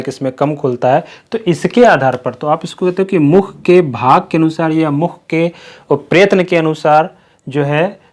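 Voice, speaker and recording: A man teaching Hindi grammar in a slow, repetitive way, asking questions and then answering them himself. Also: a little high, darkish tone. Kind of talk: classroom-style lesson.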